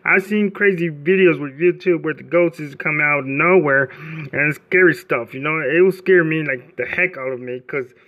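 A man's voice: a little high, normal speed, dull audio. A man in his late forties hosting a mock radio show from home, rambling and joking in a loose comedic monologue. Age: 40s. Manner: rambling, joking, often laughing. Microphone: phone.

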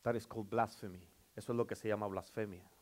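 A man's voice: fairly low pitch, steady tone, quick pace, darkish tone. A man preaching a storytelling sermon, talking straight to the congregation and saying "amén" often. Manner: addresses the congregation directly, frequent "amén".

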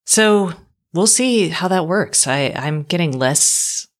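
A woman's voice: fairly low pitch, expressive, takes it slowly. A woman co-hosting a tech podcast, talking frankly in casual chat with dry asides that trail off. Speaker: podcast co-host.

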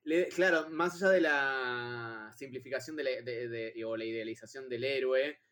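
A man with a Rioplatense accent in casual film chat, excitable and heated, with stumbling restarts and slang. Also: medium pitch, normal speed. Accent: Rioplatense Spanish. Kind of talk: casual chat about films.

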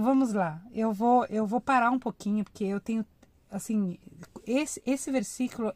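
A devotional speaker gives an informal talk, chatting warmly with her listeners, calling them "gente," and acting out heartfelt, emotional prayers. Her voice is on the high side, with no room sound.

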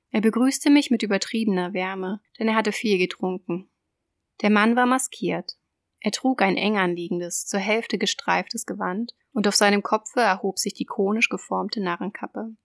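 A woman narrating a dark tale in the first person, in a measured, controlled, coldly deliberate way. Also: mid-range voice, vocal fry, no room sound, clean studio sound. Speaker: audiobook reader.

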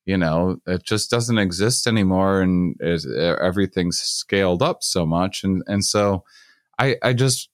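A man hosting a casual conversation, talking haltingly with many repeated words and fillers. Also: low voice, no room sound, clean studio sound.

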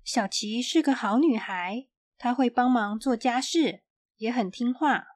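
A woman reads a children's storybook aloud, clear and expressive. She takes her time over every phrase, in a fairly high voice. The sound is close and dry, with no room echo. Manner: slow, clear, expressive reading.

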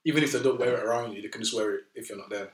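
Young male host, London roadman accent, fast casual debate delivery, mid-pitched, echoey room. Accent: London, urban street style. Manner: London roadman slang, repeats himself while making points. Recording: roomy, echoing sound.

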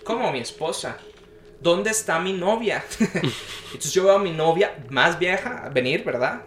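Bright-voiced young man telling a story. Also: sits high, measured pace, slight background noise. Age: young adult. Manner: animated, acts out the voices he quotes. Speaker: podcast guest telling a story. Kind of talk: casual storytelling chat. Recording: roomy echo.

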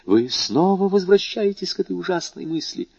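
A man's voice: sits low, unhurried, vocal fry, slightly rough, no room sound, exaggerated voice. A man voicing a shaken male royal prosecutor who asks tense, startled questions. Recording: dull dry lo-fi recording.

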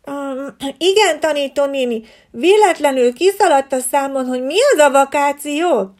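A woman voicing a playful, restless young horse schoolboy with an excited, questioning manner. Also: high voice, voice pushed up, lightly acted. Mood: eager.

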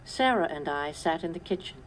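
A woman reading a children's story aloud in a measured first-person narration. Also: deep voice, animated, a little hiss or hum. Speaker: audiobook narrator.

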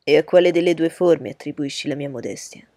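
A woman reading aloud voices a cheerful, open-hearted young gentleman who protests in an emphatic, good-natured way. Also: sits low, brisk, dry recording, clean studio sound. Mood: protesting.

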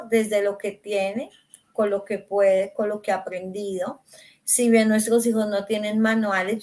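Reflective woman parenting coach. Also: mid-range voice. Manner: reflective, explains with everyday examples. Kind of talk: podcast interview conversation.

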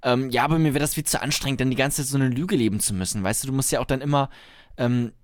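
A man's voice: medium pitch, fast, dry recording, clean studio sound. Wry, teasing man in casual chat. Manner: wry, teasing, mixes in English phrases. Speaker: podcast co-host.

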